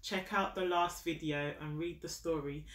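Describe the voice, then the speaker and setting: A woman in her thirties reads aloud from a picture book to a child in a low, steady voice that's fairly bright in tone, at normal speed, encouraging the child and explaining simply. Recorded indoors on the living room sofa by a camera a step or two off, the sound is echoey and distant.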